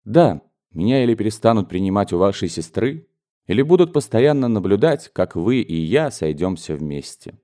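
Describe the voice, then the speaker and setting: A man reading an audiobook, voicing a brooding, bitter young gentleman in a low, restrained voice. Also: very animated, moderate pace. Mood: grave. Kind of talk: audiobook character voice.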